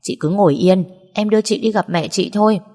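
A woman's voice: medium pitch, a little fast, pitched above the performer's own voice, lightly acted. Woman doing a polite young bodyguard. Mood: reassuring. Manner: polite, calming. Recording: long hall reverb.

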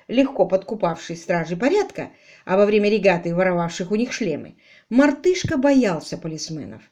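A woman narrating an audiobook expressively, acting out the dialogue. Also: medium pitch. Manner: animated, acts out dialogue. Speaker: audiobook reader.

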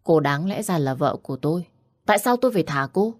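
An angry young man who sneers and barks his lines, read by a woman narrator. The voice sits low and close and dry. It is an audiobook character. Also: expressive, quick pace, no echo. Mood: scornful. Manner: harsh, mocking. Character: hot-tempered, sneering young man, a jilted husband.

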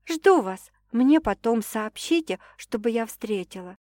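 A woman's voice: lively intonation, measured pace, dry recording, studio quality. A woman voicing a young pregnant bride-to-be in an audiobook, nervous but cheerful. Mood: excited. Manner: bright, higher girlish delivery.

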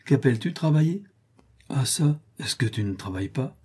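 Here the man's voice sits at medium pitch with a breathy edge, moving at a moderate pace with lively intonation. He plays an eager boy pretending to be a steamboat in an audiobook, calling out commands and bell sounds in a teasing, pleading way.

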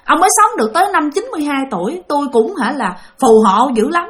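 A high, shrill old wife's ghost with a Southern Vietnamese accent, put on by a woman telling a ghost story. She scolds and reproaches in a sharp, raised voice. It is told like a spoken storybook tale. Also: very animated, fast. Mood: scolding.

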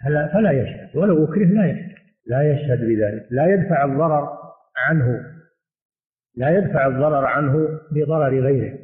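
A man teaching a religious lesson and answering questions, speaking in a measured way and often repeating his phrases. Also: fairly high pitch. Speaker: sheikh teaching hadith commentary. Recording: echoey room over a tinny phone-like line.

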